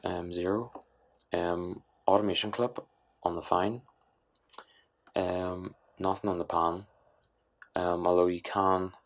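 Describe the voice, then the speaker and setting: A man with a low, gravelly voice, hoarse with a breathy rasp, talks through a software tutorial off the cuff. His delivery is halting and trails off, as if worn out late at night. The recording is dull and lo-fi. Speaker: music production tutorial host. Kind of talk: casual unscripted software tutorial. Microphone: voice-over on screen recording. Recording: dull, lo-fi voice-over.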